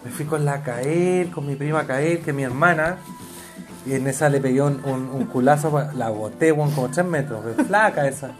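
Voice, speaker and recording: A man's voice: medium pitch, moderate pace, music in the background. A Chilean man co-hosting a podcast, telling a rambling story in casual chat and laughing as he goes. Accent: Chilean Spanish. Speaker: podcast co-host.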